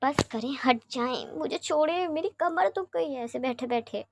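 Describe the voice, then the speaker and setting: Lady doing a soft sorry young guy in a fanfic audio story, high voice, dry close sound. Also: moderate pace, vocal fry, dry recording. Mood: tender. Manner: soft-spoken, remorseful, pleading. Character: gentle young man, apologetic and devoted lover.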